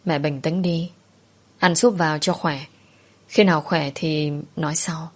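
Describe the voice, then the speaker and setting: A woman playing a gentle young mother. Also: low-pitched, fairly even intonation, unhurried.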